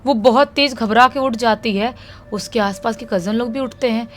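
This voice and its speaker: A woman casually retelling a true horror story in an animated, conversational way. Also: fairly high pitch, normal speed, a little hiss or hum.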